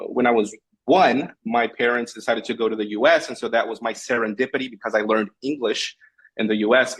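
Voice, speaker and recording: Speaking English on a casual video call, a Portuguese-speaking Brazilian guest lays out a sales case in earnest, plain terms, correcting himself often. His medium-pitched voice is fairly bright and slightly rough, and the recording itself is rough.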